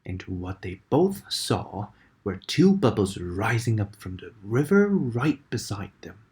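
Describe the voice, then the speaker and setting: A woman with a rumbling low voice reads a children's storybook slowly. Her narration is expressive and dramatic, occasionally falling to a whisper.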